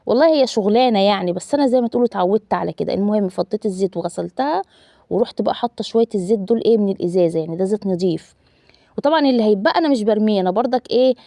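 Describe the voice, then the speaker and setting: Very fast-talking Egyptian woman vlogger. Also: mid-range voice, creaky, dark tone, dry recording, clean studio sound. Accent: Egyptian Arabic. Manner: chatty, addresses viewers as loved ones, frequent fillers. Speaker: family vlogger. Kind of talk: casual cooking vlog narration.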